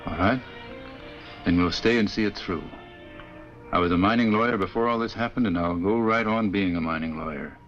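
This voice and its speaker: An actor playing a proud, protective mining lawyer and husband who speaks with impassioned tenderness. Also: male voice, low voice, brisk, a bit bright. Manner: impassioned, tender toward his wife. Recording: dull 1950s TV soundtrack with music.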